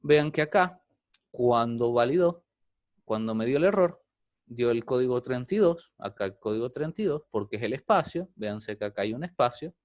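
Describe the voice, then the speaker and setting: A man's voice: medium pitch, animated, normal speed, no room sound. A man teaching an online programming class, explaining step by step and often checking in with the students.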